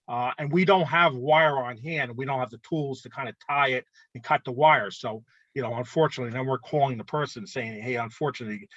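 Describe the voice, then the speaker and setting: A man presenting rules to an art club in a casual instructional talk, often pausing to ask "okay?". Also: medium pitch, fairly bright tone, dry recording, dull audio. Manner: conversational, frequent "okay?" check-ins.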